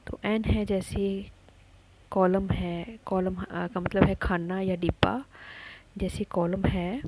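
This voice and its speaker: A woman teaching a lesson on her own channel, talking slowly and patiently, repeating words and pausing often with fillers. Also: medium pitch, fairly even intonation, background noise. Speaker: teacher running an education channel. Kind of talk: slow spoken lesson on spelling.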